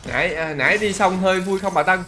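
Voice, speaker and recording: A man doing live gameplay commentary, who exclaims loudly and greets and teases his chat viewers. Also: sits high, quick pace. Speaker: game streamer. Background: game music.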